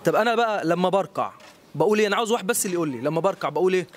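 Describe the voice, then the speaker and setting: An Egyptian man hosting a street quiz outdoors, encouraging and quick to praise each answer. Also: high-pitched, lively intonation. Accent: Egyptian Arabic. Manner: encouraging, repeats praise often.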